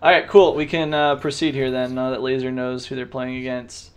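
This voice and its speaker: A man's voice: mid-range voice, little pitch movement, normal speed, clean tone. A man hosting and commentating a gaming tournament stream, chatty and joking with the live chat.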